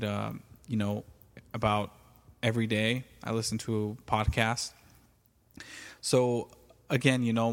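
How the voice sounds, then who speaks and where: Halting man, flat voice, reverby room. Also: medium pitch. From California. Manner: hesitant, many fillers and restarts. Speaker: podcast host. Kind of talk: casual solo podcast monologue.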